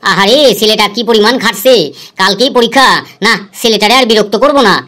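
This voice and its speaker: A woman's voice: a little high, quick pace, a bit bright, lightly acted. A woman voicing a fretful, doting father in a cartoon, fondly coaxing his son to eat. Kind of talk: cartoon voice acting.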